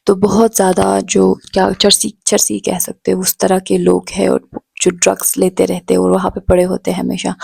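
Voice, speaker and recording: A woman's voice: medium pitch, creaky, dark tone, no room sound. A young woman from Pakistan telling her story in a chatty vlog, switching between Hindi-Urdu and English. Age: young adult. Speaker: vlogger.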